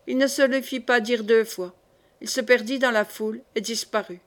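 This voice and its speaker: A woman narrating a historical novel as an audiobook reader, in a steady reading voice. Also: on the high side.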